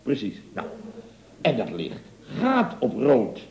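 A man's voice: medium pitch, wildly swooping pitch, takes it slowly, darkish tone, roomy sound, full character voice, low-quality recording. An actor playing a pompous, boastful middle-aged contractor boss in a 1960s radio comedy, rambling through his stories. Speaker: boss of a building firm.

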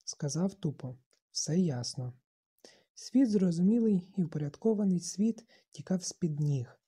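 An audiobook narrator reading a novel in a steady, measured way. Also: medium pitch, slightly rough. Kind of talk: scripted narration.

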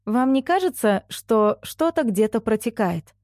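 Cranky young woman read by a woman, grumbly, huffy, warm low-key voice. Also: expressive, a little slow, no echo, clean studio sound. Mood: insistent. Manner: grumbling, exasperated exclamations. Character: young woman, irritable and uneasy.

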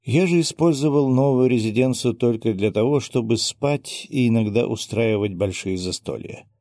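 A man narrating a first-person fantasy audiobook in a steady, wry storytelling manner. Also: medium pitch, moderate pace, no echo, clean studio sound.

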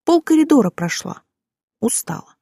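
Husky woman reading a story aloud. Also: a little high, moderate pace, no echo, studio quality. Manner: lively, expressive reading. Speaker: audiobook narrator. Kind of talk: first-person fiction narration.

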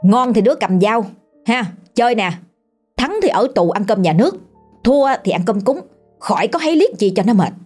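A woman's voice: fairly high pitch, animated, normal speed, darkish tone, slightly rough, soft background music, voice pushed up. A woman voicing a fierce, threatening older sister with a Southern Vietnamese accent. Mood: defiant.

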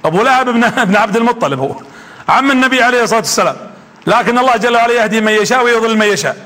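A man's voice: very high voice, very fast, pushed and bright. A man preaching a sermon, telling stories with animation and quizzing his audience.

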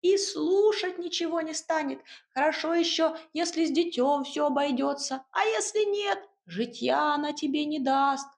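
Storybook house spirit, fussy young male, high-pitched and reproachful, as a woman puts him on. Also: moderate pace, vocal fry, few pauses. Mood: fretting.

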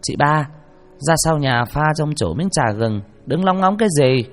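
A man's voice: on the high side, expressive, moderate pace, faint music behind, pitched above the performer's own voice. A man voicing a bossy older farm wife who scolds and orders the servants about. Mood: bossy scolding. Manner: sharp, commanding.

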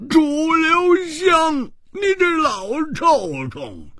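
A male storyteller puts on a hot-tempered young swordsman who trips over his words, stuttering and repeating himself in a high, wildly swooping voice. The tone is slightly husky and close, with a dry sound. It suits a storytelling radio broadcast. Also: wildly swooping pitch, normal speed, no echo, full character voice. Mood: flustered. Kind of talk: Chinese storytelling radio reading.

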